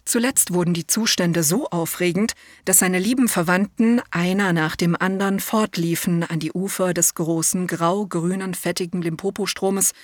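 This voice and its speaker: A woman reading a children's storybook aloud, gentle and measured, as if telling it to a child. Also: on the low side, no echo, clean studio sound.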